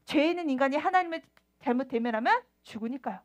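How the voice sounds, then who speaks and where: A woman preaching a sermon to a children's group, with a high voice that climbs and drops in lively swings. She keeps throwing questions at the kids. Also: fast talker, highs cut off. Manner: lively, quizzing the children and acting out scenes.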